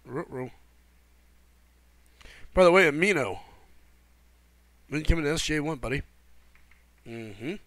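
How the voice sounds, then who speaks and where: His voice sits on the high side, animated but a little slow, with frequent pauses and a slightly bright tone, recorded without echo. He's a livestream host casually chatting through a game and reading viewers' messages aloud despite a cold-sore throat. He greets people by name as buddy and brother in a laid-back way.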